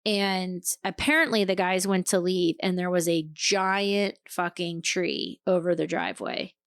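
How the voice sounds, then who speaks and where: A woman co-hosting a podcast, telling a story in casual chat, animated and swearing freely as she acts out what people said. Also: fairly low pitch, unhurried, clear, resonant tone, no room sound, studio quality. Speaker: podcast co-host.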